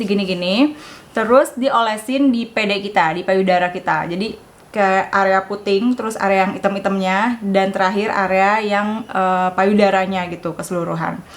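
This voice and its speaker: A young woman, telling a casual story as a mom vlogger and acting out quotes in playful voices. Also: medium pitch.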